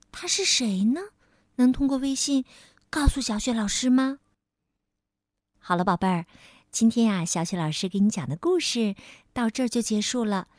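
A woman's voice: fairly high pitch, a little mellow, no echo. A woman telling a story to a child, addressing the listener tenderly and reading expressively, recorded on a close mic.

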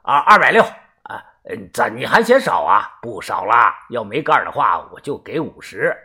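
A man's voice: medium pitch, sing-song, normal speed, bright, forceful tone, husky, pitched below the performer's own voice, heavily acted. A man voicing a pushy, chain-smoking junk dealer in his thirties, haggling dismissively in a storybook reading.

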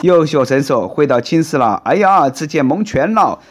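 A man hosts a news commentary in Sichuan dialect. His voice sits fairly high and swings up and down with great animation. He tells each story in a punchy, sarcastic, folksy style. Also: expressive, moderate pace, crowd noise, noisy background. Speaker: host of a news commentary show.

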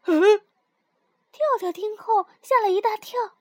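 A woman telling a bedtime story to children in a slow, soothing, expressive way. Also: extremely high pitch, dry recording, studio quality.

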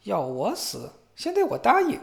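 A man voicing a bold, fearless young fellow who brags and shouts in a storybook reading. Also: high-pitched, huge pitch swings, moderate pace, creaky, pitched above the performer's own voice, heavily acted. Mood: defiant. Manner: boastful, shouting.

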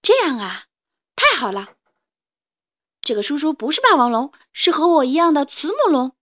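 A woman reading a storybook and voicing a cheerful, trusting young male tyrannosaurus who talks bright and eager. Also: sits high, sing-song, normal speed, voice pushed up.

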